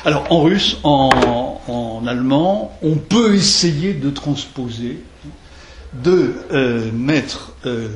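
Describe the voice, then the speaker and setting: Halting man lecturing in a roomy hall. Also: mid-range voice, animated. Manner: digressive, halting, with many restarts and fillers; recites verse in several languages, tapping out rhythm aloud. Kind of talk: university lecture on verse translation. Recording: roomy lecture hall recording, faint noise.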